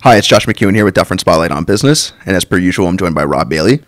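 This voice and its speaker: A man hosting a casual podcast interview, brisk and affirming, speaking into a studio mic. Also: sits low, animated, over loud music. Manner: brisk and affirming, quick reactions. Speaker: podcast host.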